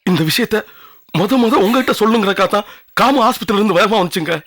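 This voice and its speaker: A man's voice: high-pitched, fast, a bit bright, slight background noise. An actor playing an older brother earnestly begging his sister's husband to take her back, in a TV serial. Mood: pleading. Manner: earnest, pleading. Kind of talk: TV serial acting. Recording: background score music. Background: background score music.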